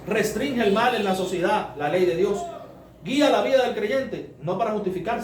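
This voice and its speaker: Male preacher, high voice, teaching sermon with rhetorical questions; distant mic, echoey room, faint noise. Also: darkish tone. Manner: explains step by step, asks rhetorical questions. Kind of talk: sermon, Bible study teaching.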